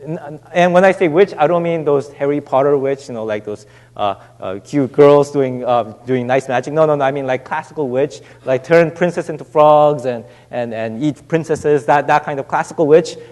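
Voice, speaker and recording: High-voiced pastor, echoing hall. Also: male voice, a little mellow. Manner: conversational, halting with many restarts and fillers. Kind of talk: sermon. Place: church sanctuary. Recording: long church hall reverb.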